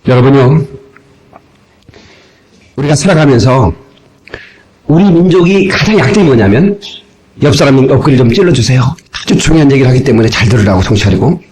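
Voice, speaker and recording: A male pastor preaching a sermon in an animated way, acting out little dialogues and raising his voice at times, heard from an old cassette tape recording. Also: mid-range voice, brisk, long pauses, poor audio. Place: church sanctuary.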